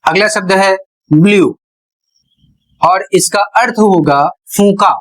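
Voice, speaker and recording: In a rough recording, a man whose voice sits high takes things slowly as he teaches English pronunciation. His explanatory lesson proceeds patiently step by step, with words spelled out letter by letter.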